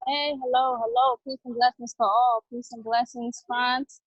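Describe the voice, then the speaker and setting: A woman from Barbados with a fairly high voice asks a question on a video call. She is polite and full of greetings, with pauses and fillers as she goes. The audio is dry and muffled. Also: level tone, breathy edge, no room sound. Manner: warm greetings, hesitant with fillers. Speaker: webinar participant.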